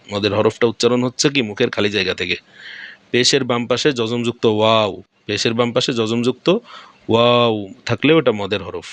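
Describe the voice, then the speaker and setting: A man's voice: medium pitch, fairly quick, fairly bright tone, no room sound. A man with a Bangladeshi Bengali accent teaching Quran recitation pronunciation step by step. He repeats each point and asks questions that he then answers himself.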